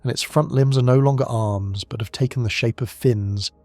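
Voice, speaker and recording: A man delivering scripted nature documentary narration in a measured, descriptive storytelling manner. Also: medium pitch, darkish tone, no room sound.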